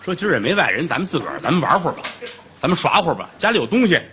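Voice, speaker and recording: A man's voice: on the high side, very animated, very fast, muffled recording. A man telling a classic tale as a traditional comic storyteller, colloquial and full of comic asides.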